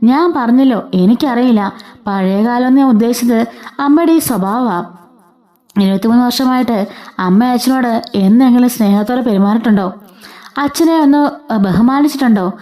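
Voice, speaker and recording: A woman's voice: on the high side, normal speed, mellow, natural voice. A woman voicing a distressed young daughter who pleads for her ailing father. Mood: pleading. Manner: pleading, upset.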